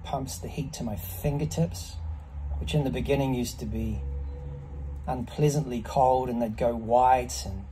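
A man in his fifties giving a reflective monologue to camera, speaking contemplatively in short, measured phrases with pauses between them. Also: medium pitch, dark tone, a little hiss or hum, low-quality recording. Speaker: ice bath practitioner. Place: small block-walled semi-outdoor space, in an ice bath.

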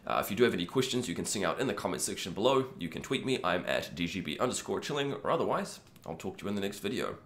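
A man in his thirties with a croaky, cold-affected voice, casually hosting a screen-share tutorial in an easygoing, informal way. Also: on the low side, animated, very fast, few pauses, a bit bright. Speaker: video host. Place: small room indoors. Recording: echoey untreated room.

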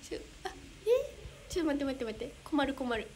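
A young woman with a Kansai accent talks to her viewers in a high, sweet voice. She chats casually, giggles often and gets flustered easily. A faint hiss sits behind her close-miked voice. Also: quick pace, darkish tone. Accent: Kansai Japanese. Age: young adult. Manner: bubbly, giggly, flustered exclamations. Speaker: idol livestreamer reading fan comments. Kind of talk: casual livestream chat.

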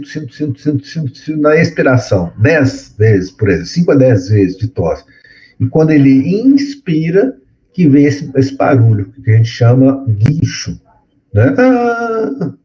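Guy teaching a med class, keeps checking in w/ the students, warm low-key voice, kinda muffled recording. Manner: explanatory, repeats words for effect, frequent tag questions. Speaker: medical lecturer. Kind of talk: classroom lecture.

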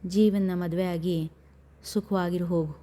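A woman's voice: fairly low pitch, fairly even intonation, a little slow, warm tone, natural voice. A woman voicing a scheming, menacing older brother who speaks in a heavy, brooding way.

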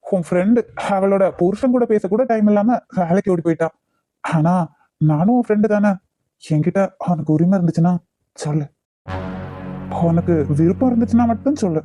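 A woman voicing a gentle, caring young man in a cartoon love story, talking in a soft, teasing and reassuring way. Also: medium pitch, no echo, clean studio sound, lightly acted. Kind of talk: cartoon voice acting.

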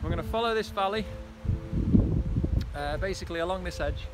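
A man's voice: sits high, a little fast, heavy background noise. A man in his thirties giving casual vlog commentary into a handheld phone outdoors, talking on the move while trail running. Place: open moorland hillside, outdoors. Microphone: phone held at arm's length.

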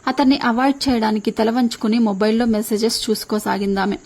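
A woman reads a novel aloud in steady, measured storytelling. Her voice sits a little higher than most. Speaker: audiobook narrator. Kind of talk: scripted narration of a novel.

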